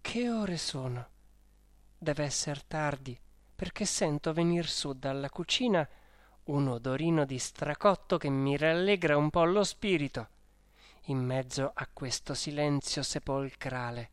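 An audiobook reader narrating a first-person diary story in a measured, even manner. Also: mid-range voice, no room sound. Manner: slow, measured, even reading.

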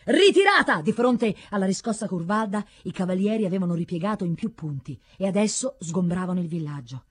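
A woman narrating an audiobook story in a measured, dramatic way. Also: lowish voice, darkish tone, slightly rough.

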